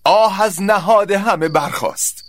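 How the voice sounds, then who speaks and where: A man narrating a scripted story in a dramatic, expressive way. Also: sits high, loud music behind the voice.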